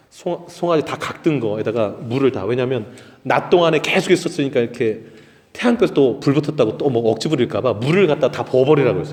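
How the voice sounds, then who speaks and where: A Korean man preaching a Sunday sermon as pastor, telling stories and acting out voices, rising loud for emphasis. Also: medium pitch. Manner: storytelling, acts out voices, rises loud for emphasis. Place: church sanctuary. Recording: echoey church hall.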